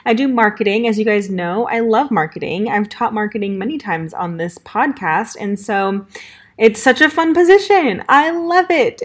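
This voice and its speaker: Bubbly Valley Girl podcast host. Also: medium pitch. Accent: Californian Valley Girl. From Southern California. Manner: bubbly, upbeat, chatty with fillers like "like" and "um". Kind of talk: casual solo podcast chat.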